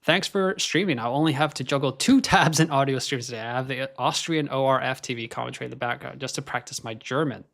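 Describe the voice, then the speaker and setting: This young man, Scottish-born with an American accent, talks through a casual live stream he hosts while watching qualifying. His medium-pitched, a bit bright voice moves at a quick pace with vocal fry and hardly any pauses.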